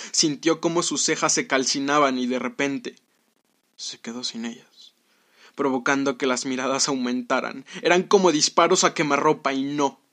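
A man reading a scripted story aloud in a hushed, dramatic way that sometimes sinks to a whisper. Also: medium pitch. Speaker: narrator.

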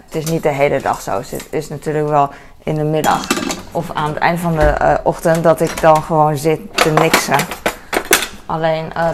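Home vlogger, woman in her 30s: low, creaky voice, rambling casual chat over loud kitchen clatter. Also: very noisy. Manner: rambling, many fillers and restarts, mixes in English phrases. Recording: kitchen clatter of dishes and cutlery.

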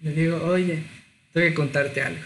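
A man, telling a personal story in casual chat, lively and self-mocking. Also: fairly high pitch, moderate pace, slight background noise. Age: 20s.

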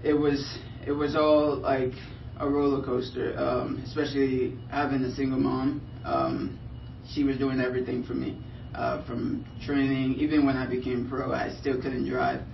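This young man from Liberia, a professional soccer player, fields press questions in a soft-spoken, hesitant way packed with fillers, yet hardly pausing. His mid-range voice has vocal fry and a moderate pace. Sound is distant, roomy and muffled with light noise.

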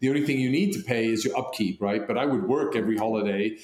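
A man born in Hong Kong, co-hosting a podcast, telling stories in a rambling, animated way with many restarts. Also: lowish voice, fast. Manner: rambling, animated storytelling with frequent restarts and laughs. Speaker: podcast co-host. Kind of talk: casual conversation. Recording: echoey room sound.

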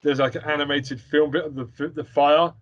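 In a casual film-review chat, a young podcast co-host rambles opinionatedly, repeating words and using many fillers. He talks fairly quickly in a higher voice with little pitch movement, recorded with lo-fi sound.

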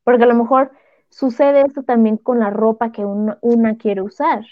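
A young Mexican woman co-hosting a podcast, chatting casually and sharing strong opinions with animated energy. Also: a little high, normal speed, dry recording. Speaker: podcast co-host. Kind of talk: casual chat. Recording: tinny phone-like sound.

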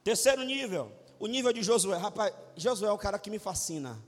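A middle-aged man preaches a humorous, animated sermon. His voice sits very high, and he jumps into loud shouts and playful acted-out quotes. The long reverb of a church sanctuary surrounds every word. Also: fairly quick. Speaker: pastor. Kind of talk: lively sermon.

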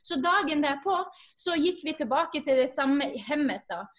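A woman's voice: high voice, expressive, a bit bright. A woman, a guest earnestly telling a personal faith story and acting out the dialogue.

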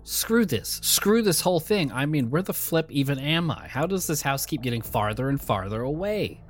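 A man puts on a frustrated young truck driver, cursing mildly, his voice rising high and sharp with exasperation. He is stuck on a lonely road in a storybook horror tale. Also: sing-song, measured pace, soft background music. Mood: exasperated. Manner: exasperated, mild minced oaths.

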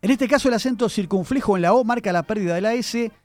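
A man's voice: high voice, fast, faint music behind. A man presenting a chatty radio segment on word origins, addressing his listeners as he tells the story. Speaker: radio columnist. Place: radio studio.

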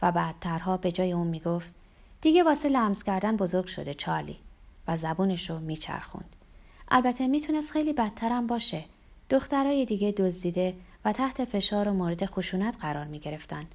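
Female audiobook narrator, first-person, wry and bitter, steady mid-range voice. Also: mid-range voice.

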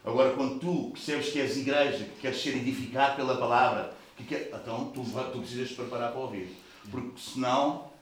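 A male pastor with a European Portuguese accent preaching a sermon, lively, swinging from loud bursts to soft asides. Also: mid-range voice, fairly quick, slight background noise. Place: large church hall. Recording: very echoey hall, mic at a distance.

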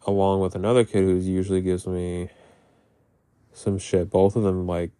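A man with a gravelly, phlegmy voice, congested from being sick, talking casually about his life in a halting, rambling way. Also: low-pitched, little pitch movement, warm tone. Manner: halting, rambling, heavy use of "like"; casual swearing. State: sick, congested with mucus in throat. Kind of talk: casual personal diary-style talk.

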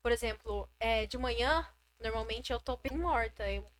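A teenage girl co-hosting a podcast, telling stories in an animated, swearing casual chat. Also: on the high side, normal speed. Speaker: podcast co-host.

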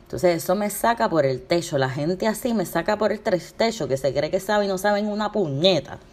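A young woman with a Puerto Rican accent talks straight into her podcast mic in a fired-up, profanity-laced rant. Her voice sits on the low side, and she mixes English words into her storytelling. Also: lively intonation, a little mellow. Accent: Puerto Rican Spanish. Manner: heated, swearing, fast storytelling with English words mixed in. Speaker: podcast host. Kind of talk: casual venting monologue.

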